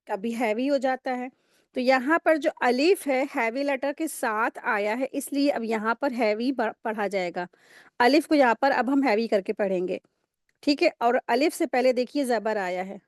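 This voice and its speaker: A woman teaching a recitation lesson, patiently repeating rules and slowly drawing out syllables to demonstrate them. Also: fairly high pitch, darkish tone, dry recording, studio quality. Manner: slow drawn-out syllable-by-syllable demonstrations. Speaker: tajweed teacher.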